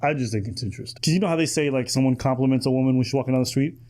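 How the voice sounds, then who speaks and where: A man's voice: mid-range voice, racing, a little mellow. A man on a podcast panel making sarcastic, mocking points. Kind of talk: podcast debate.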